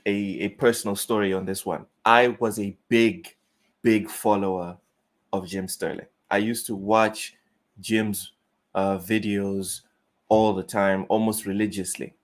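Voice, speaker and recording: This young man from Mozambique, with a Southern African accent, is chatting casually on a gaming live stream, reading chat aloud and riffing on it bluntly. His voice sits fairly low, with fairly even intonation and a slightly slow pace.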